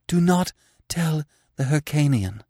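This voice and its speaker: A man's voice: fairly high pitch, big pitch swings, unhurried, a little mellow, no echo, clean studio sound, voice pushed up. A man voicing a passionate, scheming young woman who pleads in a breathless, urgent rush.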